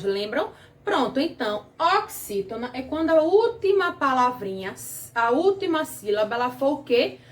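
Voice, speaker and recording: Teaching grammar to kids, this Brazilian Portuguese-accented woman stays patient, poses questions to the class and stretches out important words. Her voice sits high, and the distant mic gives a roomy sound.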